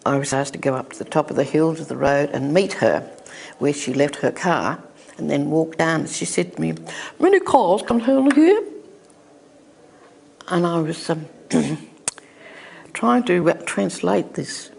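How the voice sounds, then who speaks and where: Elderly woman storyteller, gravelly voice, brisk reminiscing. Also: sits low, steady tone, darkish tone, slight background noise. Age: 80s. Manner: fond, chuckling storyteller. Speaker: oral history interviewee. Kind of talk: reminiscing anecdote.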